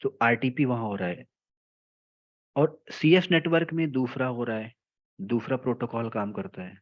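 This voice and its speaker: A man teaching a technical lecture. He explains slowly, mixes in English terms, repeats key phrases and checks in with his listeners often. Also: mid-range voice, dull audio. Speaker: telecom trainer.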